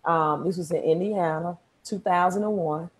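A woman's voice: on the low side, normal speed, low-quality recording. A woman in her thirties with a Southern Mississippi accent, coaching informally on a live stream, repeating words for emphasis and often checking in with "right?". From Mississippi, United States. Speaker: credit repair coach. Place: small room at home, indoors.

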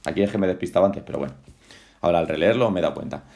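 A man's voice: low-pitched, very fast, gravelly, a little mellow. A man giving a casual English lesson at home. He repeats words again and again, corrects pronunciation and drops chatty asides about being in a hurry. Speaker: English teacher. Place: home with a dog.

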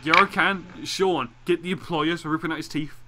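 A man's voice: fairly high pitch, fairly even intonation, normal speed, background noise. A young man hosting a podcast, brash and teasing, swearing freely in casual chat. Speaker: podcast host.

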